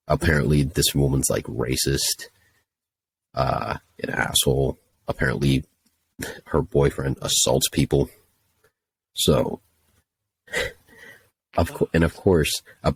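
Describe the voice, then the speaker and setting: Very deep husky-voiced young man. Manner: profane, exasperated ranting. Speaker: podcast host telling a story. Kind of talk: casual storytelling.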